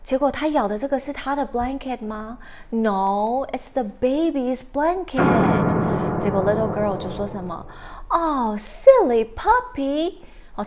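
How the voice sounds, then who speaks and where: Animated woman teaching children through a story. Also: medium pitch. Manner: animated, drawn-out, questioning the listeners.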